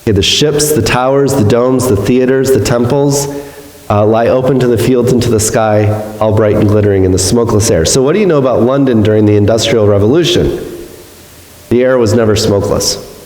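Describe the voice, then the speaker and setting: A man teaching a classroom lesson on a poem, speaking thoughtfully with frequent pauses and fillers. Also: medium pitch, a little mellow. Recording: echoey room with long reverb.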